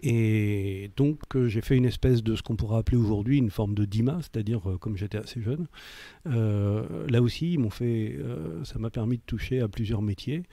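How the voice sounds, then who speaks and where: An older leather craftsman from Paris, France, is interviewed as a guest, reflecting on his life. His very mellow, husky voice sits on the low side at a moderate pace, and he hesitates, searches for words, and repeats himself.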